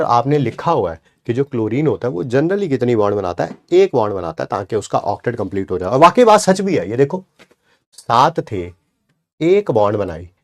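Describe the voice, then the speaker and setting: A man teaching chemistry in an online class, encouraging his students, counting aloud and answering his own questions as if he were a student, with English words mixed in. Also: medium pitch. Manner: counts aloud while pointing at the board.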